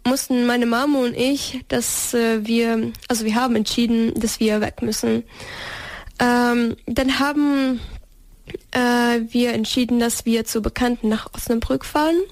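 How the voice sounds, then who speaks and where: A teenage girl from Ukraine answers interview questions. Her voice sits fairly high, and the sound is close and dry. She hesitates often and restarts her sentences. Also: dry recording. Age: teens. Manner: hesitant, many fillers and restarts. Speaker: interview guest.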